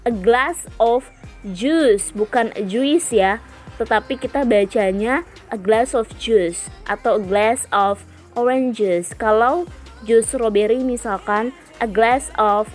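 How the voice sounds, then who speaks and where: A woman teacher with an Indonesian accent, patiently explaining an English lesson to young children and repeating each phrase slowly. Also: fairly high pitch, faint music behind.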